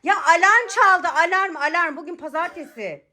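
A woman with a very high voice plays an exasperated mother in a home bedroom. She scolds and coaxes by turns, sounding worn out. This is a scripted family skit. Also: moderate pace, bright, forceful tone, slight background noise.

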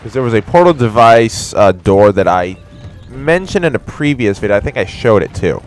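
Young guy doing a let's play, jokey and rambling, average pitch. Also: big pitch swings, normal speed. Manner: joking, goofy, breaks into silly voices. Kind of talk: casual gameplay commentary.

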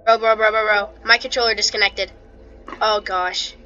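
A woman's voice: mid-range voice, steady tone, normal speed, sharp tone. A woman playing a horror game with friends in casual chat, sounding scared and reluctant, often repeating herself. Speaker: gaming video player in a group. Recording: dull, noisy game voice recording.

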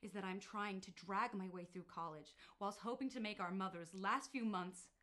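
A woman's voice: mid-range voice, normal speed, a bit bright, lightly acted. A woman playing a worn-out young student who confronts her brother sharply. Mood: angry. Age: young adult. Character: young woman, exhausted student sister, furious.

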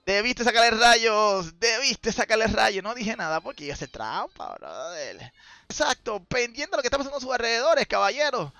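A man calling a mobile game tournament as play-by-play commentator, joking and exclaiming loudly at big plays. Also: high-pitched, animated, moderate pace, vocal fry.

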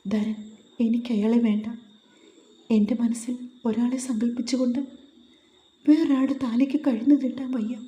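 A tearful, anxious young woman who works in an office, speaking in halting phrases that break off, as a woman reads her lines. The voice is very mellow and fairly high, with a roomy echo around it. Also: steady tone, natural voice. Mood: pleading.

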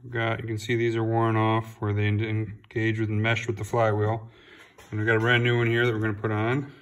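Filming up close over the workbench in his home garage, a man talks through a repair step by step in a fairly low voice, a little fast. As a home mechanic giving casual how-to narration, he sounds relaxed and plain-spoken, with ums and restarts.

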